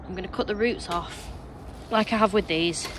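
A woman's voice: medium pitch, normal speed. A woman vlogging from her allotment outdoors, chatting casually as she shows her work. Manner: chatty, explaining as she works. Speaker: gardening vlogger. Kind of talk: casual walk-through chat. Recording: noisy outdoor recording. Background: wind and a strimmer.

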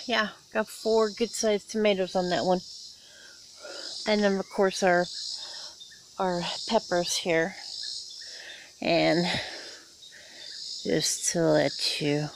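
Slow-talking woman touring her backyard garden. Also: fairly low pitch, gravelly, noisy background. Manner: unhurried, chatty, many fillers and pauses. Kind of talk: casual garden tour narration. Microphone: handheld camera, filming as she walks. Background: faint insects and outdoor ambience.

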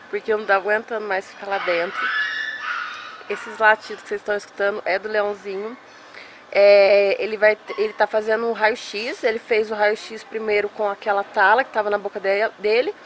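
A young woman talking straight to her viewers in a casual phone vlog, soft and sad. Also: mid-range voice, flat delivery, moderate pace, a little hiss or hum. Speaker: vlogger.

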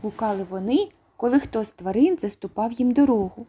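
A woman narrating a children's audiobook in a calm, expressive reading voice. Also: on the high side, fairly quick, husky.

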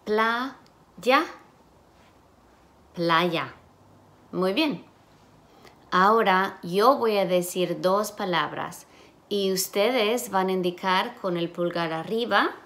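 A woman's voice: medium pitch, fairly bright tone. A woman teacher giving a phonics lesson, sounding out letters and syllables one at a time.

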